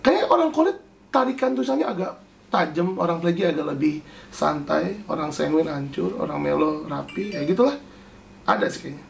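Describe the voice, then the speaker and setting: A young man with a high voice hosts a casual chat and answers viewer questions. His pitch leaps up whenever he reads a question aloud. His delivery stays animated and loose. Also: normal speed, creaky, slight background noise.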